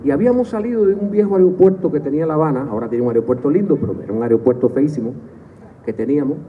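A man's voice: fairly high pitch, rapid-fire, narrow, tinny audio. A man from Cuba with a Cuban accent, telling funny anecdotes on stage between songs and chuckling at his own punchlines. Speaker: singer telling stories on stage. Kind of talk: humorous live storytelling between songs. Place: concert stage at a festival. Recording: distant, hall-echoed, phone-thin live recording.

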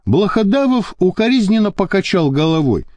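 A man narrating an audiobook in a steady storytelling manner. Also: high-pitched, moderate pace. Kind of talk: scripted narration.

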